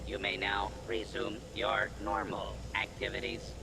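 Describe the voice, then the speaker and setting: A man voicing a stern male security robot on patrol in a video game, giving flat, clipped announcements about law and order through a robotic voice filter. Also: low-pitched, measured pace, gravelly, exaggerated voice. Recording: game audio with gunfire noise.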